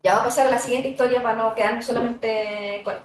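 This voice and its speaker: A woman's voice: fairly high pitch, steady tone, fast talker, distant mic, a little hiss or hum. Woman lecturing in an echoey room. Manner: thoughtful, conversational, many fillers and tag questions. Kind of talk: university lecture.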